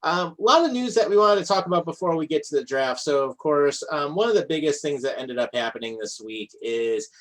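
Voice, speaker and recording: A man hosting a casual live sports podcast, talking in a relaxed way with plenty of fillers and reading out stats in a steady run. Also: a little high, brisk, hardly any pauses, poor audio. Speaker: podcast host.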